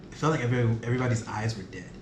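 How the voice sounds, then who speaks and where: A young man chats casually as a guest, hesitating as he looks for words. His voice is medium-pitched, in an echoey room with clear background noise. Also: very fast. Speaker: interview guest. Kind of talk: casual chat.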